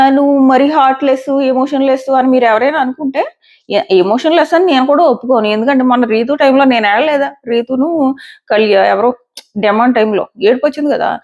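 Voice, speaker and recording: Lady ranting about a reality show, high voice, repeats herself a lot, kinda dull lo-fi sound. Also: darkish tone. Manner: emphatic, argumentative, repeats points. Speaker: show reviewer. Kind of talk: casual opinionated commentary.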